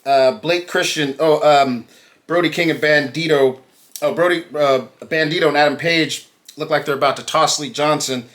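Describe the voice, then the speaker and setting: Excitable, sing-song man hosting a podcast. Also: fairly high pitch, normal speed. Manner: showy sing-song intro, then relaxed play-by-play. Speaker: podcast co-host. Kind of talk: casual wrestling recap chat.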